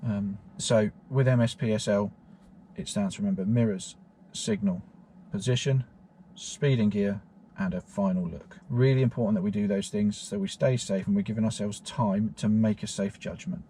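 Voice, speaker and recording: Low mellow driving instructor. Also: male voice, moderate pace, slight background noise. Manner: steady, repetitive teaching with frequent fillers. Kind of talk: instructional explanation. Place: inside a car on a road.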